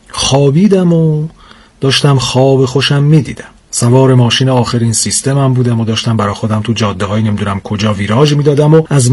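Male comic storyteller, husky, dry and wry in delivery. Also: mid-range voice. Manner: wry, deadpan complaining. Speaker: narrator. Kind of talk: comic first-person storytelling.

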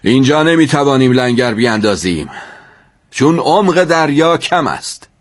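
A man voicing a big, burly, stern ship captain who gives loud commands in formal speech. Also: mid-range voice, sing-song, voice pushed up, close to an everyday voice. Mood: commanding.

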